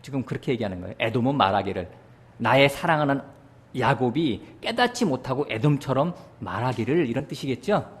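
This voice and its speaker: Animated Korean-speaking male pastor preaching. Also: brisk, husky. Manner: animated preaching, voicing God's words with sudden rises in pitch and loudness; often checks with the congregation using short asides. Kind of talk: sermon.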